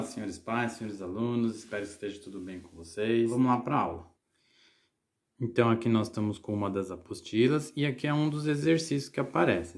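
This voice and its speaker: A man's voice: medium pitch, darkish tone. A man teacher with a Brazilian Portuguese accent, walking children through exercises and often checking that they follow. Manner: patient, explaining, checking in with "certo?". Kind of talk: literacy lesson to children.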